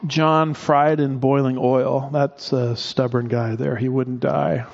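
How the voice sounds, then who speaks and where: A man's voice: medium pitch, level tone, slow, vocal fry, lo-fi sound. A man preaching a sermon as pastor, in a conversational way with asides and restarts.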